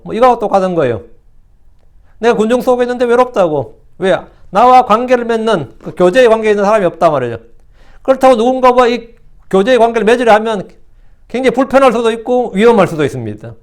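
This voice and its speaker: A man preaching a sermon as a pastor. He talks in a conversational way, with quick asides and rhetorical questions, and he acts out the mocking voices of scoffers. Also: high-pitched. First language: Korean.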